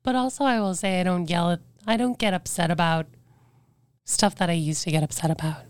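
A woman in her forties with a hoarse, weakened voice, telling her story as a podcast guest in a candid, reflective way. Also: lowish voice, a little fast, no echo, studio quality. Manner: earnest, reflective, breaks into faint whispers.

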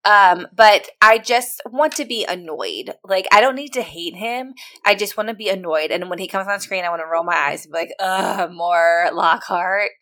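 A woman co-hosting a casual fan podcast, talking lively and laughing as she goes. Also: medium pitch, a little fast. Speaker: podcast co-host. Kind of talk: casual chat.

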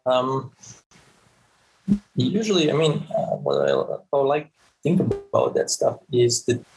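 A man's voice: mid-range voice, huge pitch swings, measured pace, vocal fry, darkish tone, low-quality recording. A man, a podcast guest who talks with many stammered restarts and repeated words. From Serbia. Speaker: guest, game creative director. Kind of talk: podcast interview.

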